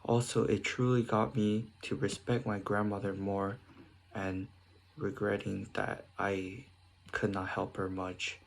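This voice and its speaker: A man's voice: lowish voice, flat delivery, a little slow, gravelly, slight background noise. A teenage boy from South Korea reading a prepared essay aloud in short phrases, with small slips and restarts. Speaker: student.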